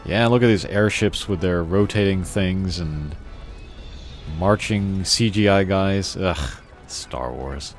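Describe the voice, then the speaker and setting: Speaking slowly in a low voice, a man gives informal let's-play commentary on the video game he's playing. He rambles and shares plenty of opinions, and game music plays faintly in the background.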